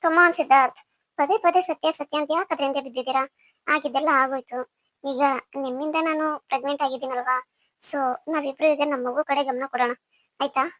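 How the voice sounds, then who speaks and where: A woman's voice: high-pitched, fairly even intonation, a little fast, fairly bright tone, dry recording. A woman playing a scheming young woman who talks in a sweet, coaxing way.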